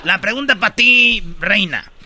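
A man's voice: high voice, animated, normal speed, background noise. A man with a Mexican accent, teasing and joking while asking questions in a comedy game show. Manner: teasing, rowdy. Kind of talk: joking banter.

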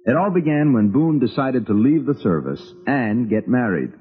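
An actor playing a reflective cavalry officer, narrating an old-time radio drama in a measured storytelling way. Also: male voice, mid-range voice, sing-song, soft background music, natural voice. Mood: wry storytelling. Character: reflective male cavalry officer recounting his memories. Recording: tinny phone-like vintage radio recording.

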